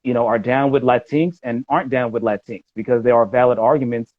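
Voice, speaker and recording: A man's voice: medium pitch, fairly even intonation, a little fast, no room sound. A man speaking in a casual conversation as a guest, discursive and arguing his point at length. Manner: discursive, argumentative. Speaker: podcast guest. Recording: dull dry audio.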